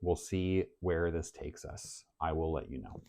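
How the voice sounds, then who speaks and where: A man who grew up in France, talking casually to camera about his reading list in a relaxed, measured way. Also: very deep voice. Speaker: book vlogger. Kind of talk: casual book talk to camera.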